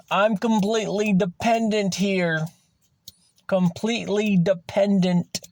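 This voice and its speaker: A man talks on his podcast in a raspy, gravelly voice pitched a little high. He is blunt and profane and slows down to stretch the words he wants to stress. The sound is dry and close, with no room echo. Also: a little mellow. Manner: raw, emphatic, swears freely. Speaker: podcast host. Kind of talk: candid personal monologue.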